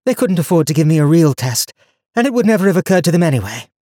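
A man's voice: on the high side, big pitch swings, quick pace, mellow, no room sound, studio quality, voice pushed up. A man voicing an earnest young woman traveler. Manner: earnest, rambling when tired. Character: determined young woman traveler, capable, weary.

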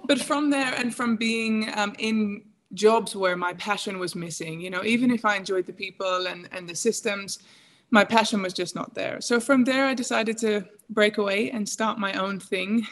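Woman in her thirties, coach on a podcast, chatty and warm-toned. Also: medium pitch, moderate pace. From England. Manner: chatty, laughs often, many fillers. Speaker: guest, emotional intelligence coach. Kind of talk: casual interview talk.

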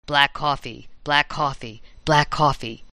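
A woman's voice: a bass voice, fairly even intonation, takes it slowly, pushed and bright, dry recording, pitched below the performer's own voice, exaggerated voice. Woman whispering as a vengeful sister's ghost. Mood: eerie whisper. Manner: eerie, whispering.

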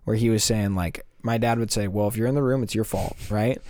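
A man's voice: fairly low pitch, a little fast, dark tone, no room sound, studio quality. A young man co-hosting a podcast, talking casually with many fillers as he argues a point. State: voice still recovering from losing it. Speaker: podcast co-host. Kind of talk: casual discussion.

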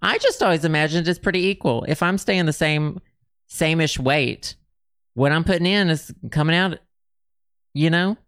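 A man co-hosting a casual podcast, cracking quick jokes. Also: fairly high pitch, fairly bright tone, clean tone, no echo, clean studio sound. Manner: jokey, quick quips. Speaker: podcast co-host. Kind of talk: casual chat.

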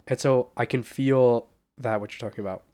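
A man's voice: mid-range voice, steady tone, normal speed, warm tone. Congested man in a casual podcast chat. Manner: hesitant, restarts and stacked fillers. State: stuffed-up nose from a cold. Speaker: podcast co-host.

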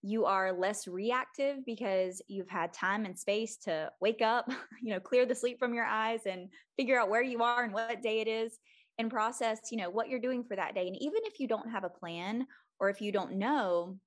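A woman's voice: on the high side, moderate pace. Friendly woman podcast guest. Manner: friendly, thoughtful, earnest. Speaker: guest, mom coach. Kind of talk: casual interview chat.

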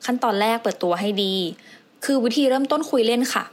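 A woman's voice: fairly high pitch, lively intonation, fast talker. Woman, book summary presenter, polite, chatty, casual explaining tone. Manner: polite, chatty, with fillers and polite particles.

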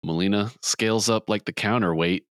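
A man hosting a podcast, casually retelling a movie plot with quick voiced quotes. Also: lowish voice, clear, resonant tone, no echo, studio quality. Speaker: podcast host. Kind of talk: casual movie recap chat.

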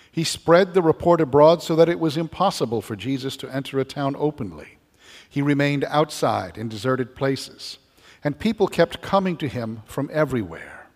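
A man serving as deacon who reads the gospel and preaches a homily in a measured way, his voice carrying a cathedral echo. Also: mid-range voice. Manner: measured, stopping to restart phrases when preaching. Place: large church. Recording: long cathedral reverb.

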